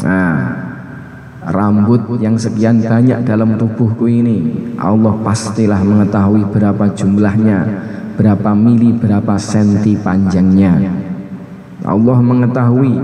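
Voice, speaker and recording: A man's voice: fairly low pitch, muffled recording. A man giving a casual religious study sermon, repeating phrases and slipping into colloquial asides. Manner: conversational, repetitive preaching with colloquial asides. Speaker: religious teacher. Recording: echoey hall with long reverb.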